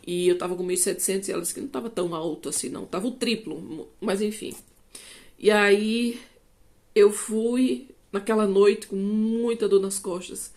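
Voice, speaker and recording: A Brazilian woman in her fifties with a Brazilian Portuguese accent, telling a personal testimony to her channel in an animated way. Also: medium pitch, normal speed. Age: 50s. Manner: animated storytelling, acting out dialogue. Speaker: vlogger.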